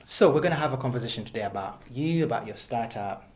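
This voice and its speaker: A man's voice: medium pitch, lively intonation, fast talker. Enthusiastic male podcast host. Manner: enthusiastic, effusive praise and frequent affirmations. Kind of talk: interview conversation.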